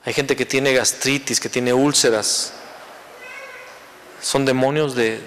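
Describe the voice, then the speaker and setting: A man's voice: medium pitch, steady tone, takes it slowly, fairly bright tone, in a large hall, slight background noise. A man preaching a sermon as pastor, conversational and teasing his congregation. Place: church sanctuary.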